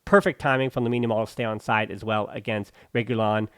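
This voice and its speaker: A man's voice: lowish voice, fairly even intonation, fast talker, fairly bright tone, dry recording, clean studio sound. A man hosting a football podcast, giving emphatic, opinionated analysis with sarcastic asides and bursts of ranting. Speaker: podcast host.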